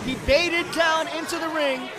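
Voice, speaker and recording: A man's voice: very high-pitched, steady tone, normal speed. A man giving lucha libre color commentary from a ringside broadcast table. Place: broadcast table at a wrestling event. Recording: very loud crowd and music behind.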